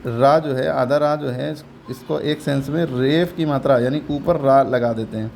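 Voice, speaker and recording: A man's voice: medium pitch, moderate pace, gravelly, darkish tone, a little hiss or hum. A man teaching English reading, patiently repeating each sound and quizzing his learner step by step. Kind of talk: step-by-step phonics lesson.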